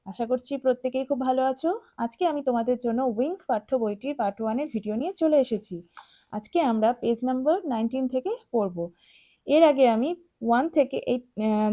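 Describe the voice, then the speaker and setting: A woman teacher explaining English words to young pupils, spelling them out and repeating them slowly. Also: on the high side, dark tone.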